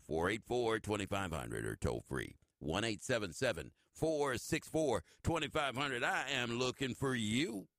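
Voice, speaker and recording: A man hosting a radio show and working as DJ, talking in a smooth radio host manner. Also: medium pitch, sharp tone, dry recording, clean studio sound.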